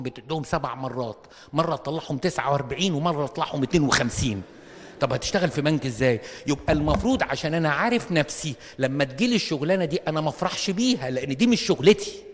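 A man with an Egyptian accent preaching a lively sermon, acting out little scenes and firing rhetorical questions at his listeners. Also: a little high. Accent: Egyptian Arabic. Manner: animated, acts out little dialogues, rhetorical questions. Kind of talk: comic sermon to an audience. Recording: long reverb of a hall.

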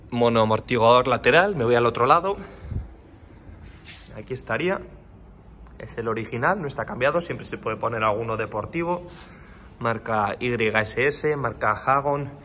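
Filmed on a handheld phone in an indoor workshop, a custom motorcycle builder gives a detailed, casual walkaround of a bike, explaining and pointing out parts as he goes. His medium-pitched voice sounds bright and forceful, with slight background noise.

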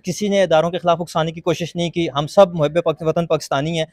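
A lawyer, a man, argues his case to a reporter in rapid, emphatic bursts. His voice sits a little high and sounds dry and close, with no room around it. He presses each point with quick insistence. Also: fairly even intonation, darkish tone, no room sound. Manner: fast, emphatic, argumentative. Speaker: lawyer, party legal forum member. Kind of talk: courthouse interview answers.

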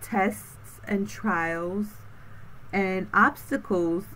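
A woman's voice: medium pitch, fairly bright tone, low-quality recording. Rambling woman tarot reader, faint hiss. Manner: rambling, repeats okay and um, drawn-out words. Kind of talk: spoken tarot reading.

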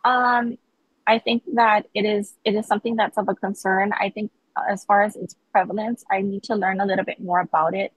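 A woman's voice: mid-range voice, flat delivery, brisk, slightly rough, no room sound, low-quality recording. A woman in her forties, a teacher nominee, answering questions over a video call, hesitant with many ums. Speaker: board nominee testifying.

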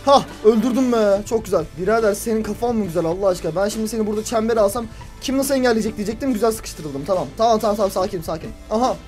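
A man hosting a gaming video, commenting excitedly on his play, shouting and groaning at the game and tossing mock insults at opponents. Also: high-pitched, quick pace, soft background music.

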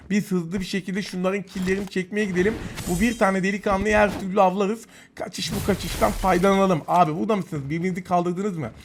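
A man commentating his own mobile shooter match, excitable and taunting his opponents, with bursts of yelling. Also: high voice, slight background noise. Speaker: mobile game YouTuber. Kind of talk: gameplay commentary.

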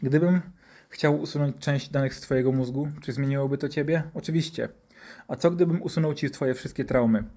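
A man's voice: mid-range voice, steady tone, brisk, mellow. A man narrating a story in a sarcastic, profane, rhetorical manner.

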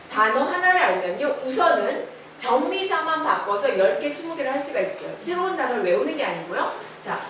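A woman teacher with a fairly high, lively voice explains points step by step and asks the class questions. She is heard from a distance in a very echoey hall. A faint hiss of room noise sits underneath her voice. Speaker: Esperanto lecturer. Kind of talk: classroom lecture.

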